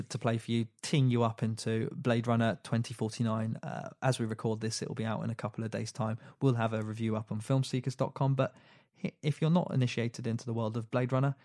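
A man's voice: medium pitch, steady tone, fast talker, a little mellow, no room sound, clean studio sound. A man hosting a casual film podcast, chatty, with frequent fillers and restarts. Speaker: podcast host.

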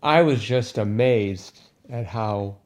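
A man co-hosting a casual podcast chat about a crossword, soft-spoken and hesitant, often correcting himself. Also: on the low side, takes it slowly. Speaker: podcast co-host.

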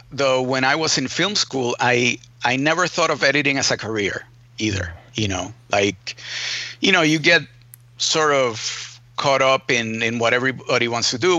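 A man's voice: mid-range voice, bright, forceful tone, no echo, dull audio. A man from Rico, a film editor telling his story casually in an interview, full of "you know" and "man". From Puerto Rico.

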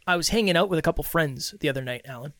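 A man co-hosting a self-improvement podcast, talking to listeners like a motivational life coach, stressing key points with deliberate pauses. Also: on the high side, a bit bright, no echo. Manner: life-coach delivery, addressing listeners directly. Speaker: podcast co-host.

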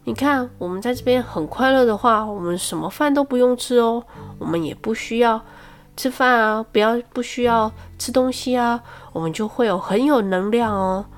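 A woman's voice: fairly high pitch, moderate pace, faint music behind, close to an everyday voice. A woman voicing a big, cheerful brown bear in a storybook tale who patiently explains things. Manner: reassuring, explaining.

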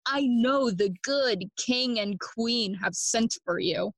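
With no room sound, a female voice on the high side delivers a probing, slow, sardonic young Prince Hamlet, melancholy and feigning madness. She is theatrical and mocking, alternating English and Spanish, in classical Shakespearean acting for an audio play.

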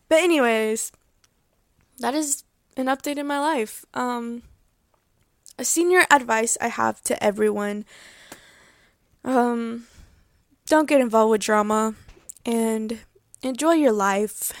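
Excitable teen girl podcaster, rambling. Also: fairly high pitch, no echo, clean studio sound. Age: late teens. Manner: rambling, heartfelt, lots of fillers and restarts; excitable, laughs often. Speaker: podcast host. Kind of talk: casual personal update.

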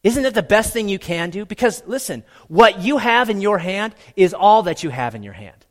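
A man with a high voice preaches as a pastor. His sermon is conversational and emphatic, ringing with the reverb of a large hall. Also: big pitch swings, normal speed. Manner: conversational, emphatic, rhetorical questions. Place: large room with a congregation.

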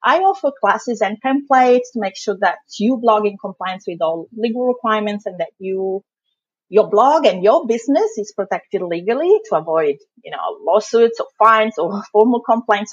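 A woman's voice: mid-range voice, lively intonation, moderate pace, slightly rough, no echo, dull audio. A woman from Italy with a thick Italian accent, a guest explaining blogging and its legal side in a casual interview, chatty and often laughing.

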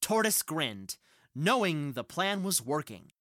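A man narrating a children's story in a playful, animated way as a podcast host. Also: a little high, slow, no echo, clean studio sound.

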